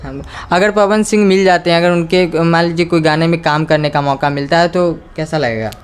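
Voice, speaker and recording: A man's voice: on the high side, fairly even intonation, a little fast, smooth. A man interviewing a guest as a reporter, pressing her with probing questions. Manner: probing questions, constant "hmm" acknowledgements. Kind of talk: street interview.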